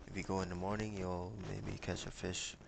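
A young man from Micronesia answering interview questions over a headset on a video call, hesitant and pausing with many fillers. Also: sits low, little pitch movement, gravelly, noisy background. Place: small room with bookshelves, indoors.

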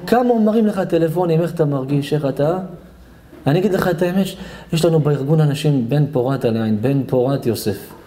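A man's voice: fairly high pitch, a little hiss or hum. A man, a rabbi giving an emotional, fervent sermon to a seated audience in a hall. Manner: fervent, repetitive, swings from soft to loud. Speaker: rabbi giving a Torah lesson.

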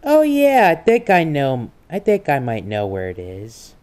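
An actor playing a mischievous young trickster and liar in an amateur comedic role-play, coy and teasing with drawn-out feigned innocence. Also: male voice, fairly high pitch, huge pitch swings, darkish tone. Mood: chirpy.

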